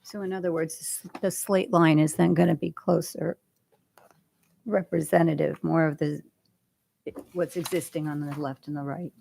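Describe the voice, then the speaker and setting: A board member asks questions in a conversational, inquisitive way. Her voice is lowish, dark and creaky, with faint noise behind. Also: steady tone, normal speed. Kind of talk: public meeting questions.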